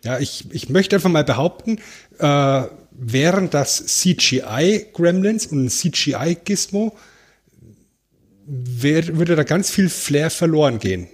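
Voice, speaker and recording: A man co-hosting a casual film podcast, explaining things in a joking, measured way. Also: fairly high pitch, animated, slightly rough. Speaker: podcast co-host.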